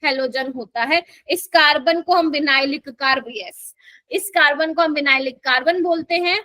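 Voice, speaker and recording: A woman's voice: high voice, moderate pace, sharp tone, no echo. A woman teaching a live chemistry class, coaxing and quizzing her students as she explains. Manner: coaxing, keeps quizzing students and calling them "my child".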